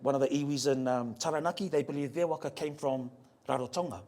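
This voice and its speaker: A man's voice: mid-range voice, darkish tone. A man giving a public talk to a live audience, playful and joking, spelling out how words sound and getting the crowd to repeat them. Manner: spells out pronunciation slowly. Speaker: speaker on ocean voyaging heritage. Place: museum talk venue.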